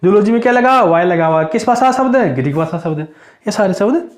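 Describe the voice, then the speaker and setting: Guy teaching exam prep, high voice, asks then answers low, lots of room echo. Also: expressive, a little fast. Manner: drills students with repeated question and answer. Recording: echoey room.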